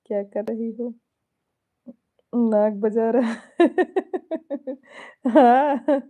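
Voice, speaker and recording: Her voice is a little high and mellow, and she draws out her words. This woman, a folk singer from Awadh in India, chats on a live stream in Awadhi-accented Hindi, reading out comments, laughing softly often and exchanging devotional greetings.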